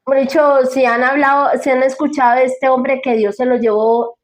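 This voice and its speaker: A woman giving an earnest, devout personal testimony as an interview guest, talking in halting restarts. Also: sits high, flat delivery.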